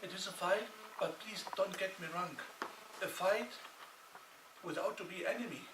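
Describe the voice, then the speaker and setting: At a conference, a Lebanese speaker with a high voice talks in non-native English at a moderate pace. He stresses points emphatically by repeating phrases, and the recording is noisy and echoey from a far-off microphone in a hall.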